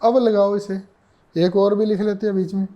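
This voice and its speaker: A male teacher, explaining a reasoning lesson slowly, repeating himself and asking and answering his own questions. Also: sits high, steady tone, warm tone, highs cut off.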